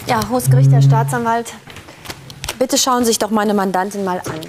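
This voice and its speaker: A woman's voice: mid-range voice, expressive, normal speed, slight background noise. A woman in her forties speaking as a defence lawyer, delivering an emphatic, persuasive plea to the court. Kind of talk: formal courtroom closing plea. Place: indoor TV studio courtroom.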